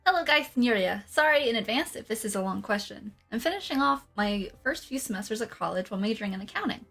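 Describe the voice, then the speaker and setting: A woman's voice: fairly high pitch, animated, fast, vocal fry, fairly bright tone, faint music behind. A woman hosting a casual livestream in a jokey, giggly, mock-professional way. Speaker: livestream host. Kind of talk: casual comedic livestream chat.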